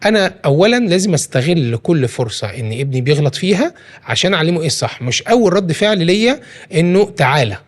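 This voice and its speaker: Fast-talking Egyptian man explaining parenting. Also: a little high, big pitch swings. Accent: Egyptian Arabic. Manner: explains with everyday examples, many restarts. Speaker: parenting guest expert. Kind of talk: casual studio conversation.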